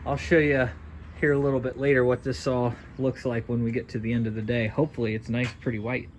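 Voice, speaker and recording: A man talks his way through a repair job, folksy and rambling, as if thinking aloud. His pitch sits at an ordinary middle level for a man. A faint outdoor hiss runs underneath, picked up by a handheld phone. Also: flat delivery, quick pace. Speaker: restoration video host. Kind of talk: casual how-to narration while working. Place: outdoors in a driveway and a garage workshop.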